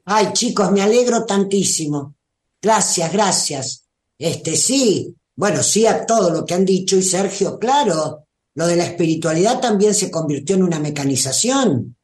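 A woman host with an Argentine accent giving a motivational talk to a live audience, unhurried and coaxing, often checking that she is understood. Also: on the low side, animated, a little mellow. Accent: Argentine Spanish. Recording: roomy echo.

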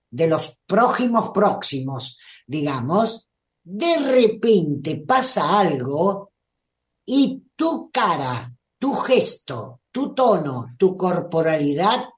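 A woman with a Rioplatense Spanish accent, giving a casual spiritual self-growth talk and often asking the listener questions. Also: lowish voice. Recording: echoey room.

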